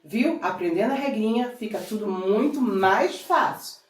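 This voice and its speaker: Her medium-pitched voice is animated and measured in pace as this Brazilian woman leads children through a recorded grammar lesson at the board. She coaxes them along and breaks words into drawn-out syllables, speaking with a Brazilian Portuguese accent. The audio was captured from a distance and sounds roomy.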